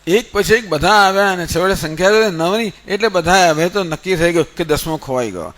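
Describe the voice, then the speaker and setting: A man's voice: high voice, a bit bright. Man teaching with rhetorical questions. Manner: storytelling with rhetorical questions, counts slowly. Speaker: spiritual teacher. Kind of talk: Gita discourse.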